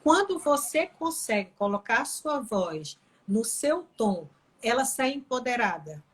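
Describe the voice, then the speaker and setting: Husky-voiced woman guest from Pará. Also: a little high, a little slow. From Pará, Brazil. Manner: earnest, animated, sharing her own voice training. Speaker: guest, court employee and therapist. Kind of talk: casual chat on an online live.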